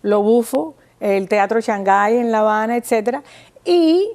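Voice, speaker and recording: A woman from a small town in Cuba, a guest speaker on Cuban theatre history, gives an informal explanatory talk in halting phrases. Her voice is on the high side, animated, and a little mellow. She teaches as she goes and checks with the listener using tag questions.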